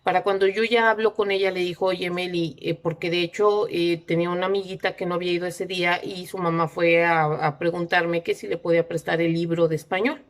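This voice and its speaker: A middle-aged woman recounts a personal story in a slightly low voice. She talks casually and haltingly, with many fillers and restarts, and sounds indignant. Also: flat delivery. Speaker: mother telling her story.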